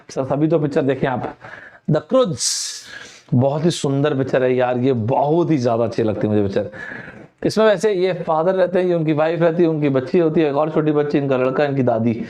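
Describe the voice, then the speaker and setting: A middle-aged teacher with a Hindi accent runs a live online vocabulary class, chatting with viewers as if they were friends. His voice is a bit high for a man yet dark in tone, and he slows down to spell words out letter by letter.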